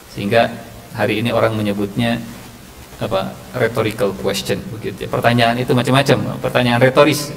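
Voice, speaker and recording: A man's voice: medium pitch, creaky, a little hiss or hum. A man giving a humorous mosque sermon, acting out quoted dialogue in raised voices. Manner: acts out quoted dialogue in raised voices, mixes Sundanese phrases. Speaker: preacher giving a mosque study session. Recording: long hall reverb, faint ambience.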